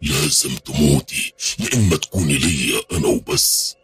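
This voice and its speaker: A man doing a husky, possessive jinn. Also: a bass voice, animated, normal speed, a bit bright, no room sound, soft background music, exaggerated voice. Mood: menacing. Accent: Egyptian Arabic. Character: possessive lovesick male jinn, menacing. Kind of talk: horror story narration.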